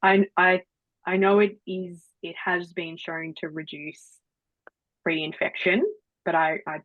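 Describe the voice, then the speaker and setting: A woman's voice: fairly low pitch, little pitch movement, slow, no echo. A woman presenter answering webinar questions, hesitant with many fillers, often laughing. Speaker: guest presenter. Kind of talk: online webinar Q&A. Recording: dry, phone-like audio.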